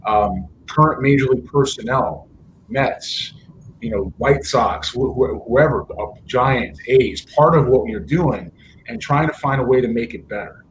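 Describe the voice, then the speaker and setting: A man's voice: medium pitch, a little slow, slight background noise, poor audio. A man being interviewed, talking earnestly with many fillers and restarts as he tells stories and acts out quoted dialogue. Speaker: interview guest, baseball executive. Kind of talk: casual interview storytelling.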